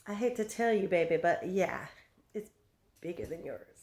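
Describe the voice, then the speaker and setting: Animated and a little slow, her fairly low, slightly mellow voice carries a rambling chat to camera. The speaker is a fifty-something vlogger who laughs often, drifts between stories, and baby-talks to her dog.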